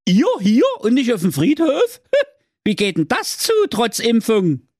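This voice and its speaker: A man voices a smug young quack healer in a comic radio fairy tale. The voice is pushed very high, loud and cocky. Close, dry sound. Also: very animated, measured pace, husky, no echo, heavily acted.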